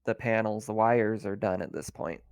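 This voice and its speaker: A man with a fairly low voice runs an online tabletop roleplaying game as game master, speaking at normal speed. He talks casually and a little hesitantly while checking the rules.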